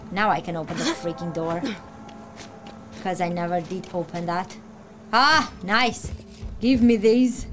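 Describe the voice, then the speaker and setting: A woman streamer giving casual let's-play reaction commentary, excitable and quick to swear and talk back to the enemies on screen. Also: on the low side. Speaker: gaming streamer. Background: game music.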